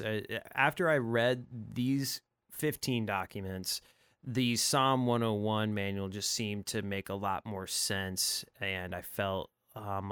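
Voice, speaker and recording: A man's voice: on the low side, smooth, dry recording, studio quality. Easygoing male podcast co-host. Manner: relaxed, joking, easygoing. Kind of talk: casual podcast chat.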